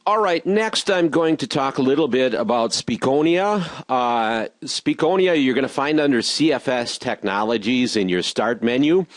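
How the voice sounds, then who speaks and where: A man teaching robotics in a screen-recorded software tutorial, walking through each step patiently and repeating reminders. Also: medium pitch, lively intonation, normal speed, hardly any pauses, no echo.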